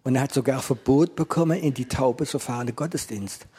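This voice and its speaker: A man's voice: mid-range voice, fast, warm tone, slightly rough. A man preaching a sermon, asking the listener questions and repeating phrases for emphasis.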